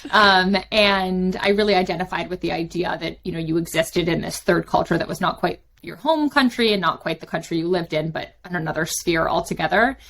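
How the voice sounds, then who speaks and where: A woman's voice: on the low side, a little fast, creaky, few pauses, a bit bright. Chatty woman in her thirties, grew up in london, talks freely with ums. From London, England. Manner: chatty, many fillers and likes. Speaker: guest, company founder. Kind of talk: interview.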